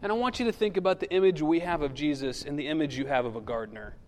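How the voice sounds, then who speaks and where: Speaking fast in a fairly high voice, a pastor preaches to his church, adding humor and playing out the characters' voices. A little background noise sits under the long reverb of the large hall.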